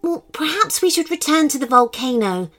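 Woman doing a worried firefox, fretful, wailing, high. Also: very animated, unhurried, soft background music, full character voice. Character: worried, anxious Firefox creature.

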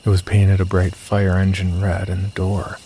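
A scripted first-person horror tale is told by a man whose voice is low and creaky, his pacing measured. The tone is dark and the delivery entirely flat, with the sound of night insects plainly heard in the background.

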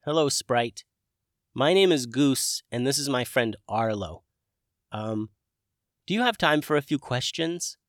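A man voicing a polite young dragon who talks hesitantly, in halting bits. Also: mid-range voice, expressive, fairly bright tone, no room sound, studio quality. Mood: earnest.

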